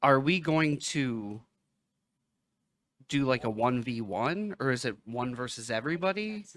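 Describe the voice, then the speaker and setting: A man's voice: mid-range voice, animated, a little slow. Joking man co-hosting a podcast. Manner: joking, playful, loud bursts. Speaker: podcast co-host. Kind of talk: casual chat.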